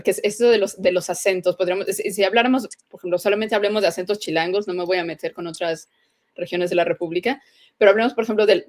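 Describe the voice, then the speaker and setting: Chatty Mexican woman interviewer. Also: on the low side. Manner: chatty, many fillers, leading questions. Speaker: editor and interviewer. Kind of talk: casual interview.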